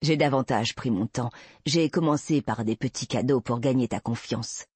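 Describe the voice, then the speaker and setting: A man's voice: mid-range voice, normal speed, a little mellow, slightly rough, dry recording, lightly acted. A man voicing a creepy obsessive man confessing. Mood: creepy tender. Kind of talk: audiobook reading.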